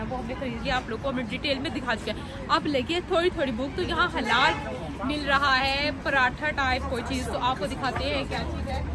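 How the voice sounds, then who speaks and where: A young woman from Pakistan, chatty and upbeat, narrating a casual vlog to a phone held at arm's length on a city street at night. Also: high-pitched. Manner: chatty, upbeat, talks straight to camera. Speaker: vlogger. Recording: loud street noise.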